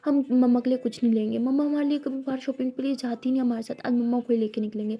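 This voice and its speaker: A woman's voice: high-pitched, steady tone, very fast, breathy edge, lo-fi sound. A woman voicing a playful, sulky young woman in a spoken Hindi love story, teasing and pouting. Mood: eager.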